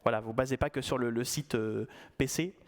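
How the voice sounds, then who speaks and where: A man's voice: medium pitch, fairly even intonation, brisk. A man giving a conference talk in a playful, ironic, conversational way. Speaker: conference speaker.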